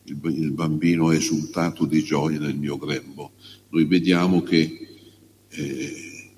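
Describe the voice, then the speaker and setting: A man, a priest, reading the gospel and preaching a homily in a slow, measured, pausing way. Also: rumbling low, little pitch movement, darkish tone. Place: church. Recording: long church reverb, faint hum.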